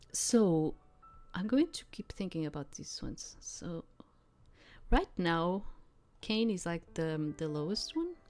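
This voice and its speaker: Game music plays under this woman's fairly low, slightly mellow voice as she does a let's play of a visual novel. She reads the story text aloud and comments casually, hesitating and thinking aloud as she goes.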